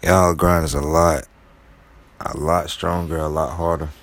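A man's voice: rumbling low, flat delivery, a little slow. A man hosting a podcast in casual, slangy chat, drawling and swearing freely between songs, with a sleepy-sounding voice. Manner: calls himself sleepy-voiced. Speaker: podcast host.

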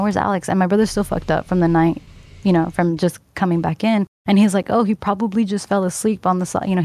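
A woman's voice: mid-range voice, a little mellow, no echo. A woman telling a personal story in casual chat, rambling and earnest, full of "like" and "you know". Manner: earnest, emotional recounting with sighs.

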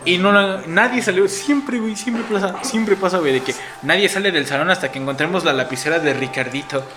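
A man's voice: high voice, fairly quick. A man with a Mexican accent, hosting a podcast in casual, crude, teasing banter full of swearing. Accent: Mexican Spanish. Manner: joking, teasing, swears a lot. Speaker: podcast host.

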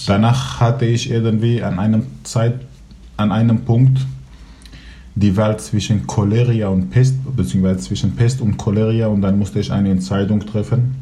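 A thirty-year-old man from Syria, a native Kurdish speaker, telling his story at length as an interview guest in an earnest, fast-talking way. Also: lowish voice, fairly even intonation, dark tone, a little hiss or hum. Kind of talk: conversational storytelling.

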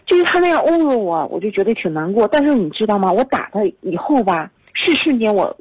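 A woman's voice: medium pitch, very animated, a little fast, husky, no echo, poor audio. Agitated woman caller in her forties. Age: 40s. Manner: tearful, agitated storytelling. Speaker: radio caller. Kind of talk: emotional phone-in confession. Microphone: phone.

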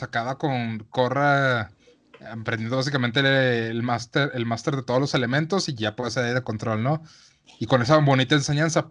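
A man with a Mexican Spanish accent, co-hosting a relaxed, casual chat and using slang fillers. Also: mid-range voice. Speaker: podcast co-host. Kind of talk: casual chat about a cartoon series.

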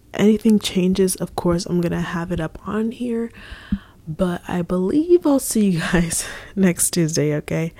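Here a young ministry leader delivers a casual devotional talk at a slow, earnest pace, going back over the same points. Her mellow voice lies a bit on the low side. Soft-spoken throughout, she frequently lapses into whispery stretches.

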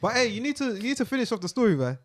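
A man's voice: extremely high pitch, rapid-fire. A young man with a London roadman accent, chatting casually in heavy street slang and repeating himself for emphasis. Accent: London roadman, multicultural London English. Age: young adult. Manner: animated, emphatic storytelling with repeated phrases.

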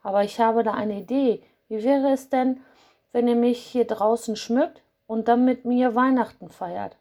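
Lady doing a timid little talking fir tree, soft and sorry-sounding, kinda high and mellow. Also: steady tone, a little slow. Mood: kind. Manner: soft, apologetic.

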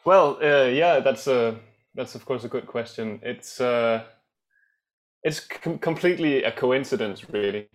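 A man's voice: mid-range voice, unhurried. Hesitant man from Denmark. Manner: thoughtful, hesitant, many fillers and restarts. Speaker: guest accordionist. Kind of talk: podcast interview.

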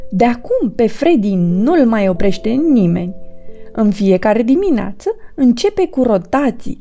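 Mellow woman narrating a storybook. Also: fairly high pitch. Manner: gentle, expressive read-aloud.

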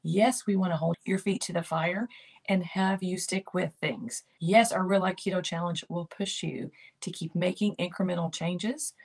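Older woman host with a gravelly edge, upbeat coaching delivery. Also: fairly low pitch, fairly even intonation, normal speed, a little mellow. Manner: encouraging, repetitive coaching phrases. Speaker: host of a keto lifestyle channel. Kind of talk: motivational talk to camera.

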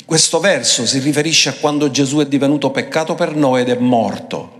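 A man preaching a sermon emphatically, switching between quick phrases and slow, drawn-out ones. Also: medium pitch. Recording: long hall reverb.

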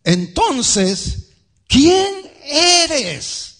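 A man voicing a group of temple priests, insistent and demanding, who fire loud, high questions. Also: very animated, slow, full character voice.

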